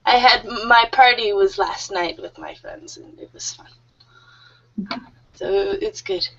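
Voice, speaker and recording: A woman's voice: on the high side, fairly even intonation, measured pace, fairly bright tone. A woman in her thirties teaching an online English group class, friendly and a little nervous, laughing often. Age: 30s. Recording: muffled lo-fi audio.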